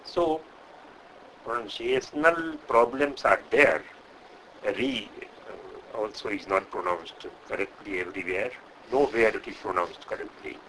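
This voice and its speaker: Older scholar, Indian English accent, lowish bright voice, hesitant and professorial. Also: male voice, slight background noise, poor audio. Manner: measured, hesitant with frequent uh, lecturing. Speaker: Sanskrit scholar. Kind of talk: interview answer.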